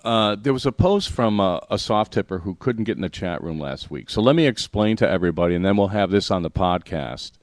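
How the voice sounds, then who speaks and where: A man hosting a podcast in casual chat, rambling and correcting himself as he explains things slowly. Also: low voice, expressive, no room sound. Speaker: podcast host.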